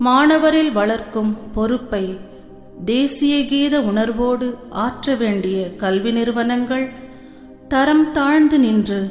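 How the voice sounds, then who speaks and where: A woman voicing the grieving mother of Jesus, slowly lamenting in a devotional drama, in an echoey hall with soft music behind. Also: a little high. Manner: slow, lamenting.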